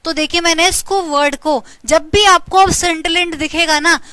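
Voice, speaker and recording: A woman's voice: very high-pitched, fairly even intonation, a little slow, pushed and bright, no room sound. An Indian woman teaching English vocabulary in an online exam-prep lesson, with a slightly sore throat, repeating words and asking students to say them along.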